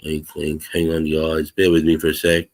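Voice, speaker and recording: Deep-voiced, sweary Australian bloke hosting. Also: male voice, completely flat delivery, fairly quick, a little mellow. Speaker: livestream host. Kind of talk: casual livestream chat.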